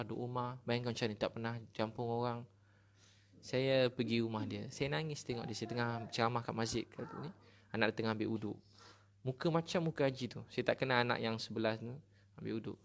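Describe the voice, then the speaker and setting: A middle-aged man with a Malaysian Malay accent preaching a sermon, telling stories with feeling and rising loud at key points. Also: mid-range voice. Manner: storytelling, emotional, rises in loudness at key points.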